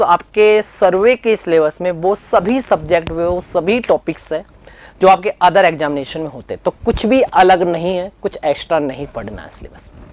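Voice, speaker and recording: A woman with an Indian accent, her voice sitting on the low side, walks through an exam syllabus in a steady teaching manner. She reads out topic after topic, slowing down on each technical term. The sound is dry and close, with no room echo. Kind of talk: syllabus walkthrough lesson in Hindi-English mix.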